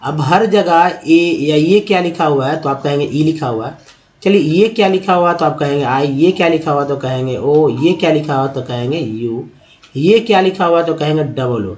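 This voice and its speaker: Guy teaching english phonics, slightly high voice, says each word slow and repeats it. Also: darkish tone. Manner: patient, repeats words slowly to sound them out. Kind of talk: Hindi-language phonics lesson.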